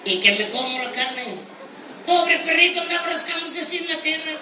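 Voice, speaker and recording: A squeaky Mexican ranch hand. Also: male voice, lively intonation, moderate pace, full character voice. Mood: cheeky. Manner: high squeaky voice, bawdy punchlines, shouted outbursts. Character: naive boastful rural ranch hand, male. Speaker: stand-up comedian in character. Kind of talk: live comic monologue. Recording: roomy live venue from far off, crowd and noise.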